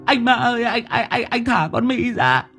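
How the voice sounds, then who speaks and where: A man voicing a scared village boy, stammering, pleading, pitched very high. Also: very animated, moderate pace, bright, forceful tone, soft background music, full character voice. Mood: terrified.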